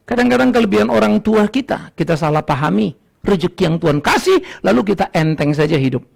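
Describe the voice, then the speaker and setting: An older man preaches. His voice sits high and gravelly. He swings from sharp loud bursts to low, quiet asides and often breaks into laughter. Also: expressive, a little fast. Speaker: pastor. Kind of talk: sermon. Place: church hall.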